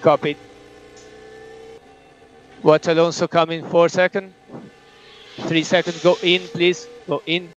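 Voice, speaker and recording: Over a dull, noisy motorsport radio link, a man working as a race engineer feeds his driver clipped instructions and countdowns. He speaks slowly in a flat, high-ish voice, leaving long pauses.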